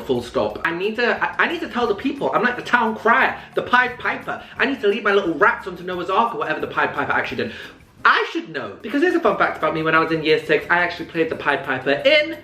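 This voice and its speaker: British guy in his 20s, camp and jokey, voice bouncing all over, bright tone, echoey room. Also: sits high. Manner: camp, playful, self-mocking chatter; eating while talking. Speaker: vlogger. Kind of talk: casual chat to camera. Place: indoor room with an open window.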